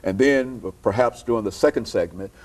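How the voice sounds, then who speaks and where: A man hosting a television interview, speaking slowly with many hesitant fillers. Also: fairly low pitch. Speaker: host.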